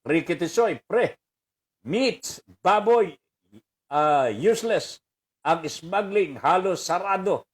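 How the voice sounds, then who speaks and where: Older Filipino man, slow chatty commentary. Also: high voice, expressive. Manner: chatty, laughs often, mixes in English phrases. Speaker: radio commentator host reading viewer messages. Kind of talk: casual on-air commentary.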